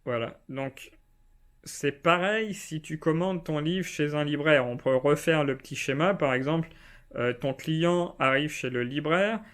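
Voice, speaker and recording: Chatty man explaining, smooth voice. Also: on the high side, a little slow, a bit bright. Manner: chatty, informal, addresses viewer as tu with fillers. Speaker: self-publishing video host. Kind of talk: casual explainer vlog. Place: indoors, not at home.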